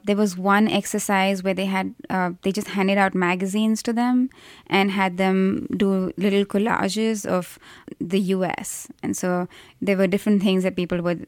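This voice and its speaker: A woman with an Indian accent speaks in a smooth, clear voice at a middling pitch. She explains things thoughtfully as an interview guest, often restarting sentences. The sound is close and dry. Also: no room sound. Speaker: interview guest, researcher of call centers. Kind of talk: conversational interview.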